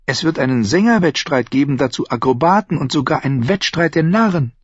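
A man's voice: a little high, animated, fairly quick, breathy edge, dry recording, voice pushed up. A man doing an eager, wheedling young woman. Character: young woman, eager, childish, pleading lover. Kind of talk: audiobook character voice. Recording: dull lo-fi dry recording.

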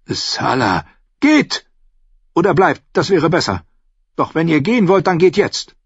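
A man doing a shrill, agitated old smuggler. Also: big pitch swings, a little slow, husky, dry recording, full character voice. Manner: agitated, waving off, insistent. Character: old gloomy male smuggler, excitable. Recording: dull lo-fi, dry.

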